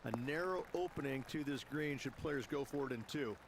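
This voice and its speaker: A man giving measured, explanatory colour commentary in a golf video game. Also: mid-range voice, vocal fry, a little hiss or hum, close to an everyday voice, rough recording. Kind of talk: sports commentary.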